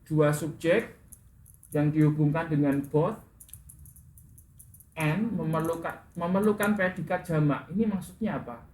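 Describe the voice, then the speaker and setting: A man's voice: a little high, measured pace, long pauses, darkish tone. A man teaching an English class, correcting his students' pronunciation and asking them questions. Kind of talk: classroom instruction. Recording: echoey classroom with faint room noise.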